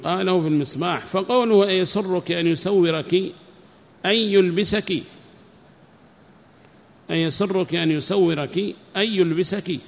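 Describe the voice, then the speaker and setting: A man teaching a religious text, reading each phrase and then repeating it slowly with explanations. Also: high-pitched, vocal fry. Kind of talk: classical text lesson with commentary. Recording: long reverb.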